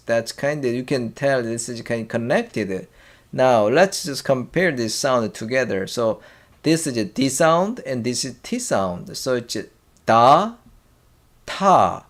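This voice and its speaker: A man teaching a language lesson, halting with many fillers and restarts, and sounding out syllables one by one. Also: medium pitch.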